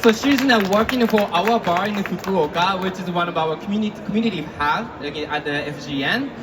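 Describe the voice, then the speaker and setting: A man hosts a conference panel, introducing guests with cheers and whoops. His voice sits high for a man. It is picked up from a distance in a hall full of background noise. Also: fairly quick. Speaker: panel moderator. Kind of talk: live panel moderating. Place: conference stage. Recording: distant mic in a noisy event hall.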